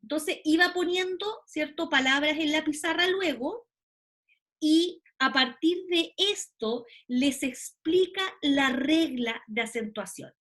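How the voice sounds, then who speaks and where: A woman's voice: sits high, slow, a bit bright. A middle-aged woman giving a recorded online lecture, explaining step by step and often checking with her listeners. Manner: explanatory, with frequent checking tags. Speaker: university lecturer.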